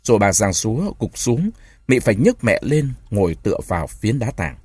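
Husky expressive male narrator. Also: fairly low pitch, normal speed, no room sound, clean studio sound. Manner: expressive, dramatic storytelling. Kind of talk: scripted audiobook narration.

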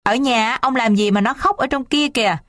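A woman's voice: on the high side, normal speed, fairly bright tone, no room sound, studio quality, pitched above the performer's own voice, natural voice. A woman voicing a tired middle-aged mother who pleads with and reproaches her family. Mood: reproachful.

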